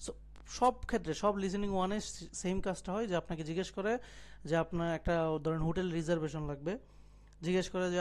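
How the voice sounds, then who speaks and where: A young man teaching an IELTS listening lesson in an online class, explaining step by step, mixing in English terms and checking that his students follow. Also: high voice. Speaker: IELTS tutor. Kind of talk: live online class lecture.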